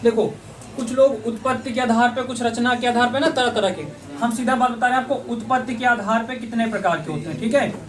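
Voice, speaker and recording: A man's voice: very high-pitched, fairly quick. A man teaching an online exam-prep class. He asks questions and answers them himself, repeating the key points. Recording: voice somewhat distant from the mic.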